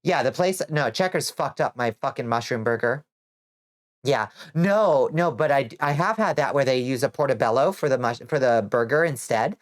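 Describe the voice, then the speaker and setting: A woman chats with her stream while gaming, her voice sitting extremely low in pitch. She sounds nasal and congested from a stuffy nose. She rambles loosely, reacts to chat and swears casually. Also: lively intonation, normal speed. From Georgia, US. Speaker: vtuber streamer.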